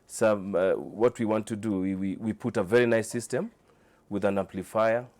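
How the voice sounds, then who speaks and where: Low-voiced, halting Kenyan man. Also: fairly even intonation, a little mellow. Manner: hesitant, halting. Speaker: interview guest, car audio dealer. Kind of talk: informal interview answers.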